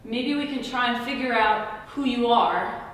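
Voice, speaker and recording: A woman's voice: moderate pace, a bit bright. Echoey, distant woman investigating a house. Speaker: paranormal investigator. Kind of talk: casual questioning during a ghost investigation. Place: large echoey old house interior. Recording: very echoey house, distant mic, rumbling noise.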